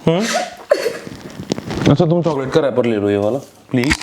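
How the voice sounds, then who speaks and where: A man's voice: mid-range voice, expressive, moderate pace. A young man hosting a prank video, playfully rambling and repeating himself as if dazed. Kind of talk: acting out a prank on camera. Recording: noisy background.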